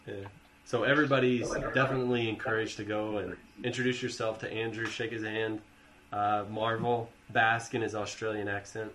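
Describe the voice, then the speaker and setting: A man hosting a casual group chat on a stream, relaxed and joking. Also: fairly low pitch, moderate pace, a crowd in the background. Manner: relaxed, joking, laughs often. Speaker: show host.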